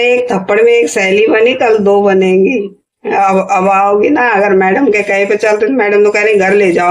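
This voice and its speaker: A middle-aged woman, the vlogger's mother, casually telling a family story in a chatty, animated way with quoted dialogue. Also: mid-range voice, rough recording.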